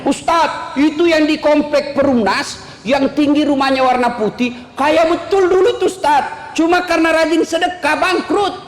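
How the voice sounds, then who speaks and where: Gossipy man from the crowd, keen and high-voiced ; a man doing him, echoey room. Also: normal speed, few pauses. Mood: tattling. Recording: echoey hall reverb.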